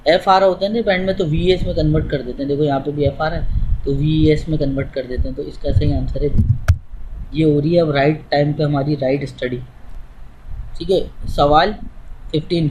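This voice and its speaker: A man's voice: fairly high pitch, a little mellow, a little hiss or hum, poor audio. A man teaching English, explaining step by step in an informal way to a student while demonstrating on screen.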